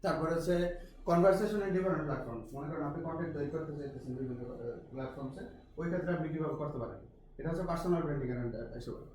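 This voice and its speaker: A man's voice: fairly high pitch, rapid-fire, darkish tone, distant mic. A man with a Bangladeshi accent teaching an English class, mixing Bengali and English and asking his students questions. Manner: mixes Bengali with English, asks students questions, frequent restarts. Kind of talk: classroom lecture. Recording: very echoey classroom with some noise.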